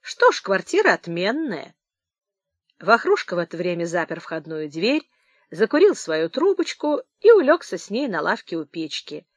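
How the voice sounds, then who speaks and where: A woman narrating an audiobook in an expressive manner. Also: on the low side, normal speed, no echo. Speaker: reader.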